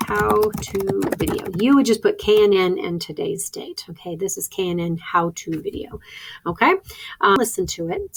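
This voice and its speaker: A woman's voice: mid-range voice, vocal fry, slight background noise. A woman teacher talking through a screen-recording tutorial in a practical, chatty way, thinking aloud as she clicks. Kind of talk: instructional screen-recording walkthrough.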